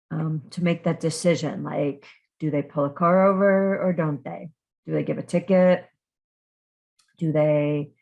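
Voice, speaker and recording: A woman giving a recorded criminal justice lecture, conversational and full of questions to her students, with frequent ums and restarts. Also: fairly low pitch.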